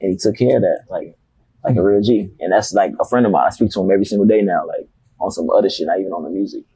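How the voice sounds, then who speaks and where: On a rough recording, a young Miami-born rapper speaks very fast in a low, mellow voice with a breathy edge. He's a guest in a casual interview, spinning slangy, laid-back stories and swearing freely.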